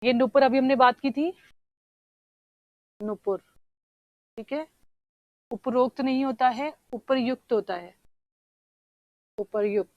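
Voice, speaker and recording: A woman teacher going through exam answers one question at a time. She explains slowly, spells out words while she writes them and keeps checking with "theek hai". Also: high voice, no room sound, dull audio. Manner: often says "theek hai" to check understanding. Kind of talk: exam answer discussion lesson.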